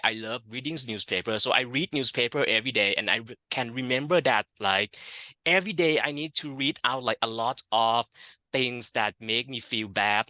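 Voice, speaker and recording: A man from Thailand with a Thai accent, an economics professor answering interview questions in an unhurried way with many fillers. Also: medium pitch, bright, forceful tone, no echo.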